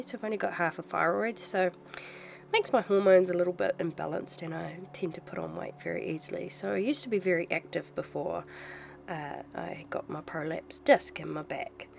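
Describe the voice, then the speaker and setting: Sounding sick, with a lowish, creaky, rough voice, a woman in her thirties talks to camera from her art desk at home. Her casual vlog rambles along with fillers and laughter over slight background noise.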